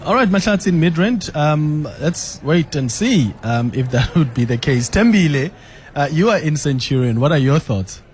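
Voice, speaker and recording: A man hosting a phone-in radio show, calm and moderating, keeping his remarks brief. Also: a little high, normal speed. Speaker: radio talk show host.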